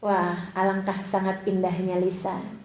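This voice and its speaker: An Indonesian woman preaching a sermon to a gathering of women, telling stories with lively acted-out voices. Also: on the low side, measured pace. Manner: expressive storytelling, acting out quoted voices. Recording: echoey hall recording.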